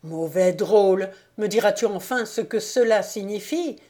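A woman's voice: medium pitch, moderate pace, dark tone, close to an everyday voice. A woman doing an earnest, anxious young knight.

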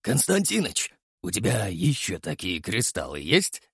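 A man voicing a gruff, lecherous sergeant-major who grumbles and swears in a coarse, sly way in an audiobook. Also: lowish voice, wildly swooping pitch, unhurried, fairly bright tone, dry recording, clean studio sound, pitched below the performer's own voice, exaggerated voice.

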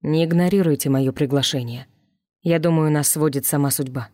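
Smooth flirty stranger guy in a storybook, read by a woman, low voice, slow and teasing, dry close sound. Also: fairly even intonation, dark tone, dry recording, natural voice. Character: mysterious confident flirtatious man.

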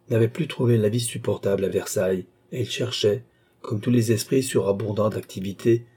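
A man narrating a classic novel in a steady literary reading. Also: fairly low pitch, breathy edge. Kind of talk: audiobook reading.

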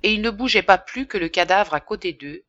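A woman narrating a classic novel as an audiobook in a measured, even reading. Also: medium pitch, dull audio. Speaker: audiobook reader.

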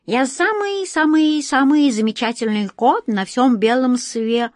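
A woman voicing a boastful, flattering young male tomcat with a squeaky, sweet-talking voice in a storybook reading. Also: measured pace, dry recording, studio quality.

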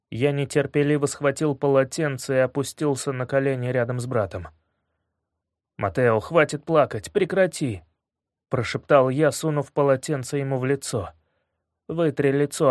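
A man reading a first-person story aloud in a measured way, dropping low and quiet on grim moments. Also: dry recording, studio quality. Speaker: audiobook narrator.

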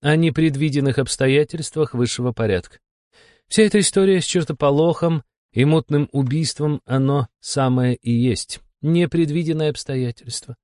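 A man voicing a weary, sarcastic female demon supervisor with a husky, irritated voice. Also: fairly high pitch, normal speed, a little mellow, dry recording, studio quality, voice pushed up, natural voice. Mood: irritated mocking. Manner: irritated, mocking, drawling. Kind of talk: audiobook character voice.

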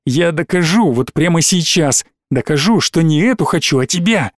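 A man's voice: on the high side, animated, moderate pace, no echo. Man voicing a drunk angry teenage boy, hissing, scornful, dry recording. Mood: pushy.

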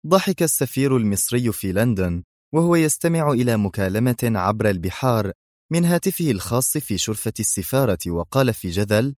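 A man narrating an audiobook in a measured, calm voice. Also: mid-range voice, no room sound. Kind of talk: scripted narration. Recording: dry close studio sound.

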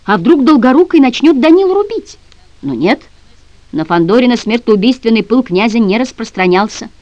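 A woman narrating an audiobook dramatically, with sharp swings between loud and hushed passages. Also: fairly high pitch, animated, normal speed, no echo. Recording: dry, slightly dull audio.

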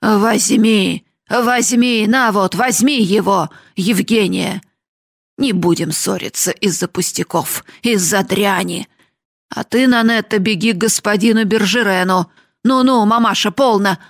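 A greedy old miser of a father coos sugary pet names in a slow, husky voice, as a woman reader puts him on. The sound is dry and close, with no room around it. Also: mid-range voice, dry recording. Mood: frightened coaxing. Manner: coaxing, syrupy endearments.

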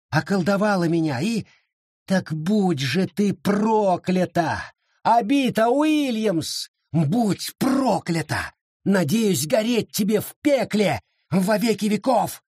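Brief: man doing a deranged woman, shrill and slow, spitting curses, husky. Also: no echo, clean studio sound. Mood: raving.

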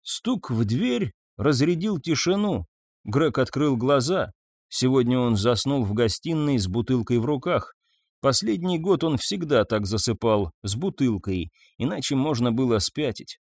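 Expressive male audiobook narrator. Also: mid-range voice, husky, no room sound, studio quality. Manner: measured, expressive reading. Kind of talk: scripted narration of a novel.

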